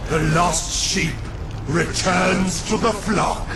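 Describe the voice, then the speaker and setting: A man voicing a cruel, taunting shadow monster in a video game, with a gravelly, drawn-out delivery. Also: sits high, loud music behind the voice. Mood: menacing, taunting. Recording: noisy game capture with rain sounds.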